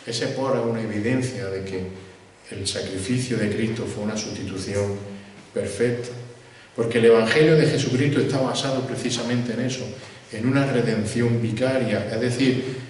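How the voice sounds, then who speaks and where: Male preacher, measured expository delivery, recorded far off in a reverberant church hall with faint background noise. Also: medium pitch, darkish tone. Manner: measured, stresses key words slowly. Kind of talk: expository sermon.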